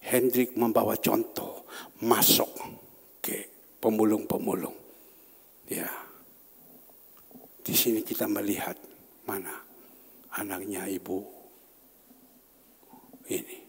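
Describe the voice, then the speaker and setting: A man's voice: fairly low pitch, fairly even intonation, slow pace, creaky, long pauses, breathy edge. A male pastor preaching a sermon in an earnest, conversational way, breaking into sudden emphatic outbursts. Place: church hall. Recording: long church hall reverb.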